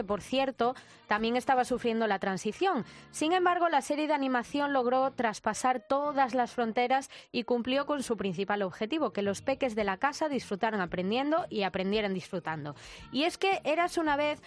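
A woman's voice: high voice, lively intonation, fairly quick. A woman with a Spanish accent from Spain presenting a semi-scripted feature.

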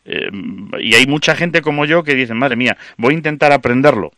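A man's voice: mid-range voice, a little fast, sharp tone, no room sound, clean studio sound. A man hosting a radio interview, talking in a conversational, reflective way. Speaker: radio host.

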